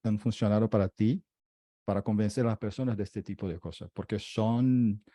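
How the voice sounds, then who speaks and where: A man with a Brazilian Portuguese accent speaks casually as a panel co-host. His voice is fairly low and soft-edged, recorded very dry. He picks his way through a second language with hesitant phrasing. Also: fairly even intonation, moderate pace, no echo.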